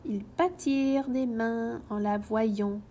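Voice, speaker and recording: A woman reading a children's storybook aloud in a gentle, expressive way. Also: fairly high pitch, slow, slight background noise.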